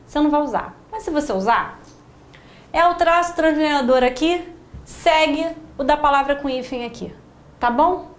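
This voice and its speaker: High-voiced Brazilian woman teaching, roomy echo. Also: normal speed. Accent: Brazilian Portuguese. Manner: lively, acts out students' questions in mocking voices. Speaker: writing teacher. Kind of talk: classroom lecture.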